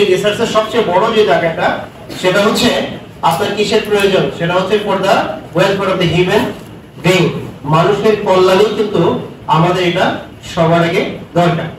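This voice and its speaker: Brief: male lecturer, high voice, picked up from a distance in a classroom. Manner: questions the class, mixes English terms. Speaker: university lecturer. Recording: echoey room, distant mic, noisy.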